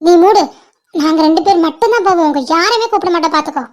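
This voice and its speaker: A woman's voice: extremely high pitch, quick pace. A woman voicing a lonely young woman in a cartoon who sulks and grumbles because her lover is far away. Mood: grumbling. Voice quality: whiny and grumbling. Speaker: friend on an outing. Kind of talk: animated cartoon voice acting.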